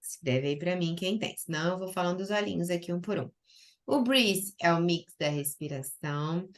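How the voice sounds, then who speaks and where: Brazilian woman, lowish voice, casual live-stream chat, lively and talkative, many fillers. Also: moderate pace. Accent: Brazilian Portuguese. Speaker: doctor giving a live stream on essential oils.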